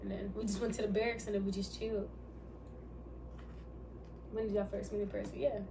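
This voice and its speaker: Brisk and creaky, this woman's medium-pitched voice has a flat delivery yet stays light and somewhat feminine. She's a vlogger eating through a mukbang while fielding couple questions, drifting off topic and losing her thread, and a distant mic adds faint hiss.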